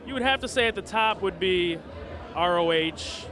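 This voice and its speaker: High-voiced male interviewer amid crowd noise. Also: expressive, moderate pace. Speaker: wrestling show interviewer. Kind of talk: casual interview chat. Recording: outdoor urban crowd and traffic noise.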